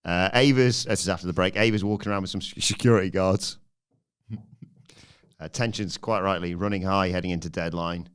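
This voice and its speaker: A man's voice: low-pitched, fairly even intonation, brisk, smooth. A man co-hosting a podcast, giving a dry, sarcastic play-by-play recap in casual chat. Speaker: podcast co-host recapping the show.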